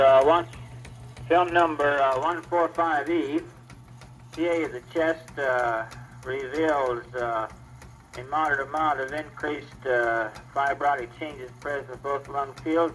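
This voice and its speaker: A man's voice: medium pitch, low-quality recording. Man dictating on an old wire recording. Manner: halting, steady, with many filler pauses. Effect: old wire recording played back. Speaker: doctor dictating a medical report. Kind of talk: medical dictation.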